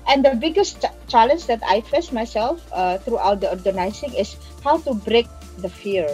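A woman speaks in a fairly high voice. She sounds like a seasoned campaigner giving an impassioned interview answer, stressing and repeating key phrases, with music in the recording. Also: lively intonation, normal speed, a little mellow, poor audio. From Indonesia. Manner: emphatic, explanatory, repeats phrases for emphasis. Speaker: migrant workers' organizer and activist.

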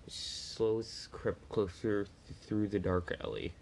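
A man's voice: lowish voice, fairly even intonation, unhurried, darkish tone, slight background noise, low-quality recording. A man reading a first-person story aloud, plainly, with small slips and restarts.

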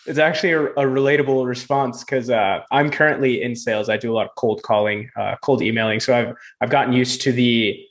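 A man's voice: medium pitch, fairly even intonation, brisk, few pauses. A young man hosting a podcast, asking long, loosely phrased questions with lots of fillers. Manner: asks long rambling questions with many fillers. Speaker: podcast host. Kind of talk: casual interview conversation.

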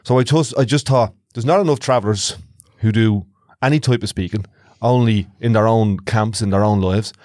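A man's voice: on the low side, normal speed, hardly any pauses, a little mellow, no echo, clean studio sound. Irish man chatting on a podcast. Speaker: podcast co-host. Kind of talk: casual reflective podcast chat.

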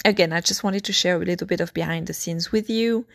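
A woman with a fairly low voice chats through her own podcast on a phone, sounding a little hoarse as she loses her voice. She talks in a reflective, chatty way and ticks off her points one by one. The sound is dry and close, with no room around it. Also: quick pace, dry recording. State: slightly hoarse, losing her voice. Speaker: podcast host. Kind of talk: casual solo podcast chat.

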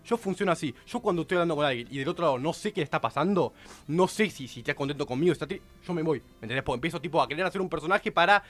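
A Rioplatense man talks at a breakneck clip, his voice pitched a bit high. He restarts sentences constantly, sounding excitable as he debates on a radio panel. Faint music plays underneath. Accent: Rioplatense Spanish. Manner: rapid, excitable, many restarts. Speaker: radio show host.

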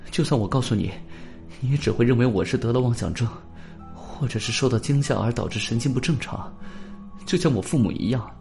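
A man's voice: mid-range voice, gravelly, a little mellow, close to an everyday voice. A man reading an audiobook voices a frightened, agitated teenage boy with tense, pleading speech.

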